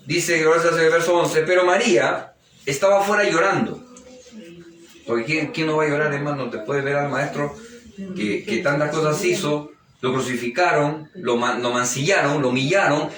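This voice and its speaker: A man's voice: fairly high pitch, fairly bright tone, far from the mic, a little hiss or hum. Fervent male preacher in an echoey hall. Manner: fervent, keeps interjecting praise and calling the listener brother. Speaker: pastor. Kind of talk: live church sermon. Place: church hall during a service. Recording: echoey church hall, picked up from afar.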